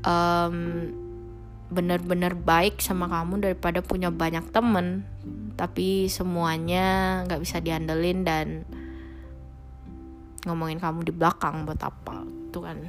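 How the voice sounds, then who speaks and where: A woman's voice: fairly low pitch, little pitch movement, measured pace, long pauses. Young woman rambling frankly on her podcast, slangy, drops english bits, faint music in the background. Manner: chatty, mixes English phrases, frank and slangy. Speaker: podcast host. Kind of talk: casual solo podcast talk.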